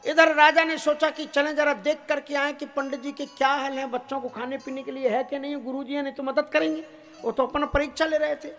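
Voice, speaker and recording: A man with a notably high voice preaching a devotional sermon, spinning a story at a brisk clip and then slowing to intone verses. Quiet devotional music sits underneath his voice. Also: flat delivery. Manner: storytelling that breaks into slow chanted verses.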